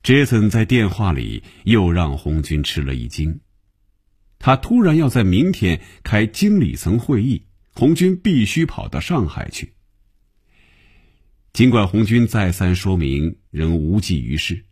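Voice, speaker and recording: Low husky guy reading a novel, lively storytelling. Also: measured pace. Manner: storytelling, expressive. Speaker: audiobook narrator.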